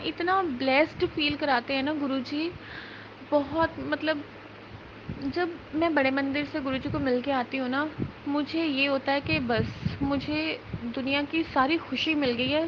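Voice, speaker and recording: A woman's voice: high voice, measured pace, lo-fi sound, background noise. A woman sharing an earnest, emotional devotional testimony, mixing English words into her talk.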